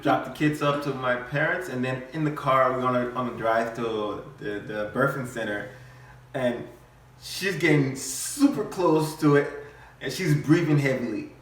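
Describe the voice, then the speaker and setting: A man's voice: medium pitch, moderate pace, a bit bright. A young man chatting casually and jokily beside his wife. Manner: easygoing, jokey, laughs along. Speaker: co-host, husband. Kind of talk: casual chat. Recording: echoey room from far off.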